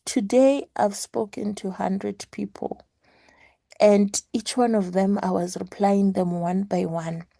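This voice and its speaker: A woman with a hoarse morning voice giving an earnest motivational class to her team, repeating her key points. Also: medium pitch, warm tone, no echo. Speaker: network marketing leader teaching a class. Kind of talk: motivational teaching talk.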